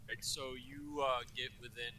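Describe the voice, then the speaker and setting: A man running a tabletop game as game master, improvising narration in a hesitant, halting way. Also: medium pitch, fairly even intonation, background noise.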